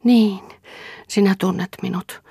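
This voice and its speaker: A woman's voice: medium pitch, fairly even intonation, creaky, dark tone, slightly rough, dry recording, clean studio sound, pitched above the performer's own voice. A woman reading the part of a passionate, proud young woman in a literary audiobook, with an impassioned delivery. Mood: playful.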